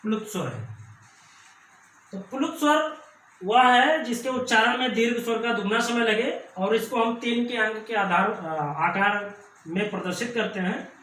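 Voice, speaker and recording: A man teaching a grammar lesson, explaining slowly and repeating key points. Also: extremely high pitch, fairly even intonation, pushed and bright, echoey room, far from the mic, a little hiss or hum, rough recording. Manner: slow, repetitive explaining.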